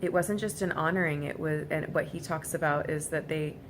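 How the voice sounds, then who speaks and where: A woman gives a reflective personal vlog monologue, speaking casually and haltingly in an earnest, emotionally vulnerable way. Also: deep voice. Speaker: vlogger. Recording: clearly noisy amateur recording.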